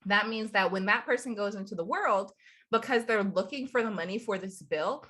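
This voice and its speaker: A woman's voice: mid-range voice, normal speed, a bit bright. A young adult woman with a congested voice, talking casually to camera as a spiritual coach, chatty and upbeat with frequent laughs. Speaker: spiritual coach and channel host.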